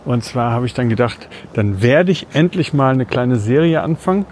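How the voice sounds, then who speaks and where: A man's voice: medium pitch, lively intonation, normal speed, a little mellow. A man with a mid-range voice chats as a podcast co-host while walking. His explanations ramble and correct themselves, with light outdoor noise behind him. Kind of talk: casual chat while walking. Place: outdoors on a city route beside railway tracks. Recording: outdoor ambient noise, passing vehicles.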